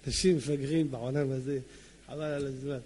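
A man's voice: mid-range voice, dark tone, breathy edge. A man preaching a sermon to a congregation, telling stories theatrically with joking asides. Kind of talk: sermon with dramatic storytelling.

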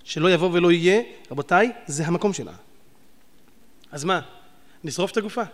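A man preaching a sermon, animated and firing rhetorical questions at his audience. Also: sits high. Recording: long hall reverb.

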